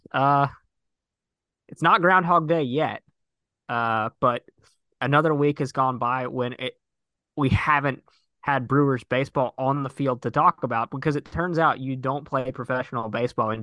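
A man's voice: medium pitch, moderate pace, sharp tone, no room sound. A man hosting a sports podcast, chatting casually in an upbeat way with frequent fillers. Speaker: podcast host.

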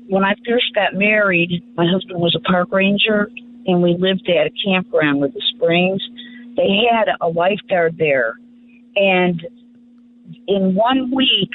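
A woman calling in to a talk radio show, her voice muffled as if heard through a door over a speakerphone. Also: medium pitch. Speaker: caller. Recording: muffled phone line with faint hum.

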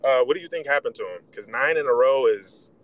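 A man's voice: mid-range voice, brisk, dull audio. Man on a breaking-up call line. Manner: hesitant, lots of "uh". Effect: bad, breaking-up call connection. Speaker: caller. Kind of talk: casual call-in chat. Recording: distant, patchy call line.

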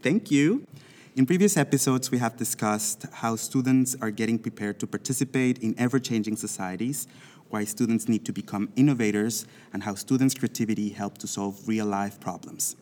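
A man's voice: fairly low pitch, normal speed, darkish tone, in a large hall. A man hosting an education podcast, reading scripted introductions and questions in a formal way. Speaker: podcast host.

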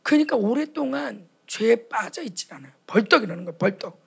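Brief: high-pitched woman with a gravelly edge, fervent preacher who slips into acted-out exchanges. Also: expressive, fast talker. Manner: impassioned, acts out quoted dialogues. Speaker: speaker at a retreat for pastors' wives. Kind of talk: sermon.

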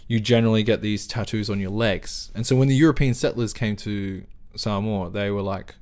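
A man in his thirties from New Zealand with an Australian accent, chatting casually in an interview, relaxed and quick to laugh. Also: lowish voice. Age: 30s. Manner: relaxed, laughs easily, many fillers. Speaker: interviewee, camera operator.

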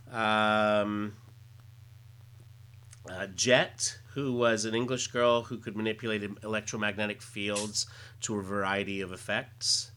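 A man hosting a casual podcast, explaining comic-book details in a halting, list-like way. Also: lowish voice, pushed and bright, smooth. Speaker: podcast host.

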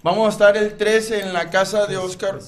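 Comedian guest, male, high pitched, cracks himself up mid-joke. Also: level tone, normal speed, a crowd in the background. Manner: tells dirty jokes, laughing at his own punchlines. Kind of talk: joke telling on a comedy podcast.

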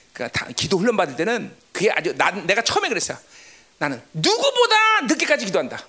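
Gravelly, wildly swinging preacher. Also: medium pitch. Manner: keeps prodding listeners with "응?" and "그렇죠?"; swings between shouting and hushed asides. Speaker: pastor. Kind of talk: sermon.

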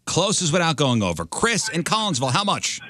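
A man's voice: on the high side, big pitch swings, a little fast, pushed and bright, a little hiss or hum. A man hosting a radio game segment like an announcer, repeating bids and drawing them out for suspense.

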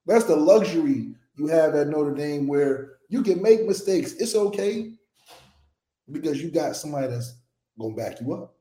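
A man talks sports as a co-host, keeping it loose and jokey with plenty of animation. His voice sits a bit high but sounds mellow and dark in tone. The room adds a noticeable echo. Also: animated, moderate pace. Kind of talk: casual sports talk. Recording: roomy echo.

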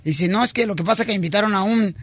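A man's voice: high voice, rapid-fire, very noisy. A man hosting a radio joke segment, playfully teasing callers and telling jokes. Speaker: radio show host.

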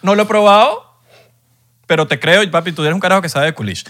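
A young Venezuelan man co-hosting a podcast in casual, joking chat, loud and animated, sometimes breaking into shouts. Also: high voice, a little fast. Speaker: podcast co-host.

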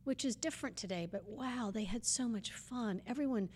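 A woman guest telling lively stories in a casual interview, laughing often and acting out what people said. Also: on the high side, moderate pace, slight background noise. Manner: animated storyteller, laughs often, acts out quotes.

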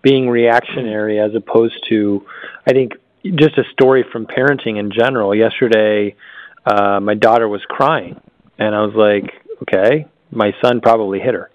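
A man who is a father, co-hosting a podcast and reflecting candidly in a relaxed conversational way. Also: lowish voice, normal speed, dry recording, dull audio. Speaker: podcast co-host.

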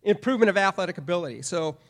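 A man's voice: high-pitched, expressive, rapid-fire. A middle-aged man giving a conference presentation as a professor, speaking emphatically with repeated phrases. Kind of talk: lecture presentation. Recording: long hall reverb.

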